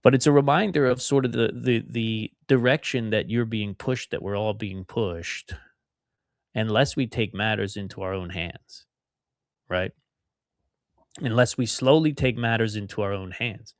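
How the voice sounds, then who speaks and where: A middle-aged man from outside Philadelphia hosts a solo podcast, rambling conversationally and repeating things for emphasis. His voice is fairly low and measured in pace, captured in a dry, studio-quality recording.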